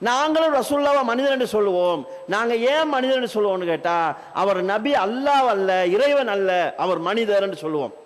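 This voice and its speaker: High-pitched Sri Lankan Tamil man preaching. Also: animated, a little fast. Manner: forceful, rhetorical questioning. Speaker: speaker at an Islamic conference. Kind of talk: religious lecture. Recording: long hall reverb.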